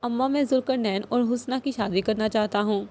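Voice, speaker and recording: A woman's voice: on the high side, darkish tone, natural voice. A woman reading an earnest middle-aged father.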